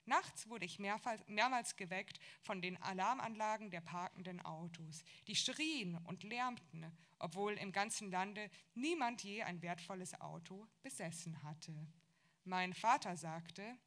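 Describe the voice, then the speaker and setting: A woman reads a literary novel aloud with a steady, unhurried narration. Her voice sits at a middle pitch. The quoted dialogue comes a little livelier than the surrounding text. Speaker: reader of a novel. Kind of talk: audiobook reading of literary fiction.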